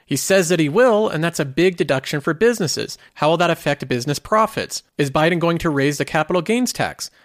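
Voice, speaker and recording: A man's voice: a little high, lively intonation, fairly quick, few pauses, no echo, clean studio sound. A man hosting a finance video, explaining in scripted commentary and posing rhetorical questions.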